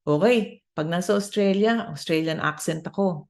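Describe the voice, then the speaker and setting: Chatty low-voiced Filipino woman. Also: moderate pace, a little mellow. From Philippines. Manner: chatty, mixes English into Tagalog, many fillers. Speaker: radio show co-host. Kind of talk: casual radio chat, Taglish. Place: in Australia.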